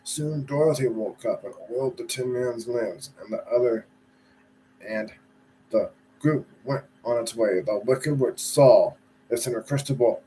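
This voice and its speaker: A man reading a storybook aloud in a relaxed, chatty way, sometimes stumbling and rereading a phrase. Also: medium pitch, unhurried, a little hiss or hum, rough recording. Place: at home.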